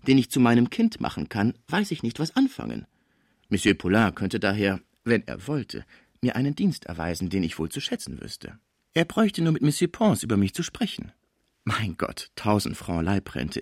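A man voicing a scheming, fawning older female portress in an audiobook, flattering and pushy. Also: medium pitch, normal speed, dry recording, studio quality, voice pushed up. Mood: wheedling. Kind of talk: audiobook character voice.

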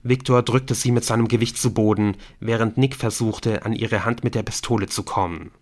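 A man narrating a thriller audiobook in a steady, measured way. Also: fairly low pitch. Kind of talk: scripted narration.

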